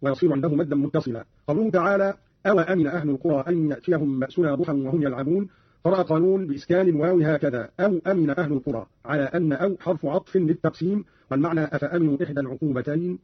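A man explaining Quran recitation variants in measured, precise classical Arabic, quoting each verse to show the reading. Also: fairly high pitch, husky, dry recording. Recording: dull lo-fi archival radio recording.

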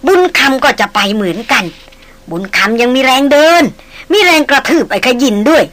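A woman voicing a blunt old male jungle hunter in a spoken novel reading, talking roughly and loudly. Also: fairly high pitch, animated, normal speed. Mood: gruff.

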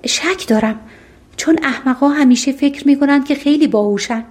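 A woman voicing a gentle, honest young heroine in an audiobook fairy tale, speaking gently in a slightly raised voice. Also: high voice, voice pushed up, natural voice. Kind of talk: audiobook storytelling.

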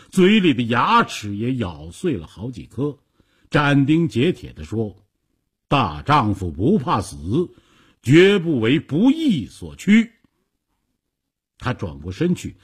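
一位男性说书人，以富有戏剧性的广播评书方式讲述故事。. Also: male voice, mid-range voice, slightly rough. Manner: dramatic, animated storytelling. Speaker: storyteller. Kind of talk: radio story narration.

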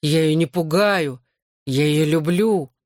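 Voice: medium pitch, a little mellow, no room sound, clean studio sound, natural voice. A reader doing a dazed, clingy young man. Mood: slurred, tender. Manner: slow, slurred, tender. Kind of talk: audiobook character voice.

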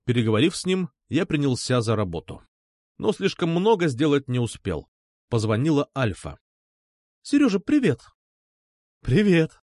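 A man's voice: mid-range voice, very animated, moderate pace, a little mellow, dry recording, studio quality. A young man narrating a story in the first person, with a wry storytelling manner. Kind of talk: audiobook narration.

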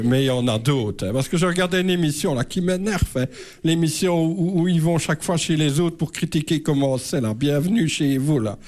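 A man's voice: on the high side, darkish tone. A middle-aged man telling a rambling, self-mocking comic story on stage. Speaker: comedian. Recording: live show with audience laughter.

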